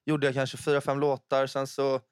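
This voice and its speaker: Relaxed guy on a podcast, wry and rambly, mid voice, dry recording. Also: medium pitch, smooth, dry recording. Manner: laid-back, rambling with fillers and restarts. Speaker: podcast co-host. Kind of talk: casual chat.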